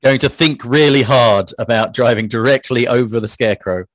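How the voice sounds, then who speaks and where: A man's voice: mid-range voice, moderate pace, a bit bright. A man playing a tabletop game, playful and jokey, describing his characters' actions. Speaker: player.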